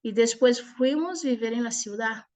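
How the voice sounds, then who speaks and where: A Brazilian woman in her forties, a native Portuguese speaker, gives an informal religious testimony in a halting mix of Portuguese and Spanish. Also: on the high side, darkish tone. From southern Brazil. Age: 40s. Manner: hesitant, halting, with frequent pauses. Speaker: speaker giving a personal testimony.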